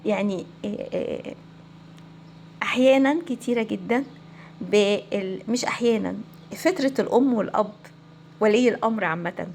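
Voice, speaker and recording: A woman family counselor with an Egyptian Arabic accent, giving a casual, animated talk to viewers. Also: a little high, slight background noise. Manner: animated, conversational, acts out quoted voices.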